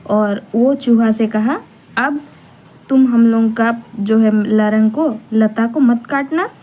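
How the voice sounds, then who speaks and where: A woman teacher retelling a folk tale for an exam-prep lesson, explaining slowly, asking questions and checking the students follow. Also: on the high side, dark tone.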